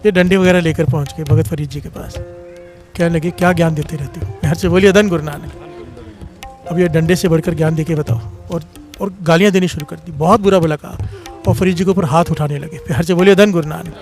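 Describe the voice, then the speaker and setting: A man's voice: fairly even intonation, fairly quick, darkish tone, soft background music. A man preaching a devotional sermon, telling a story with half-sung phrases and calling out for the congregation to respond. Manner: storytelling, half-sung phrases, swells in pitch when moved.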